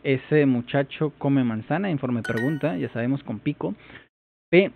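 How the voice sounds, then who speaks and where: Slow, hesitant man with a tinny sound. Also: medium pitch, gravelly. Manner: hesitant, repeats phrases while puzzling them out. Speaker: vlogger learning a language. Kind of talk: casual thinking-aloud commentary.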